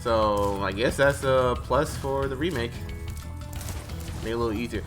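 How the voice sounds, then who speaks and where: A man's voice: mid-range voice, normal speed. A young man giving casual, rambling commentary while playing a video game. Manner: rambling, chatty, self-correcting. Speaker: gaming streamer. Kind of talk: casual let's-play commentary. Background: game music.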